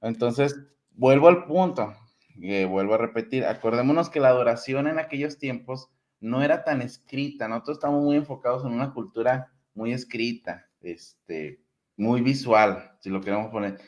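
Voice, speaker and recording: A man's voice: mid-range voice, normal speed, darkish tone. A man with a mid-range voice explains his views in a casual conversation. He lays out his points step by step and circles back to repeat them.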